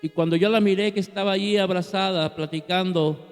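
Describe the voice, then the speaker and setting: A man, a pastor telling a testimony in an earnest, emphatic way that slows down for key declarations. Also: high-pitched, steady tone, clear, resonant tone. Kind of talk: testimony sermon. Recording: reverberant hall with violin music behind.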